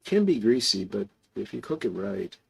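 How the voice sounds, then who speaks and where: The host of an online pipe club, a man with a gravelly, creaky and fairly low voice, chats off the cuff at a hangout while answering viewer comments. He sounds very animated and talks at a normal speed.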